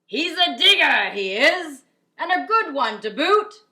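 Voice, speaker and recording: A woman voicing a boisterous male pirate captain in a children's storybook, with hearty, drawn-out pirate talk. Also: high-pitched, big pitch swings, bright, forceful tone, voice pushed up, full character voice. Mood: hearty shouting.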